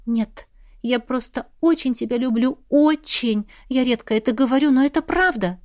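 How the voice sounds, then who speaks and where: A woman voicing a spirited young heroine, the eldest sister, in an audiobook, with a lively, warm manner. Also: sits high, moderate pace, natural voice. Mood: affectionate.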